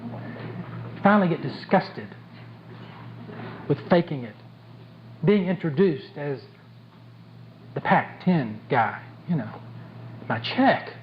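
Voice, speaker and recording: A man's voice: fairly high pitch, lively intonation, slow, pauses often. Blunt joking man giving a motivational talk. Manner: blunt, joking, repeats key points for emphasis. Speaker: motivational speaker at a sales conference. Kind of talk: motivational speech to an audience. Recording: dull lo-fi tape with faint background noise.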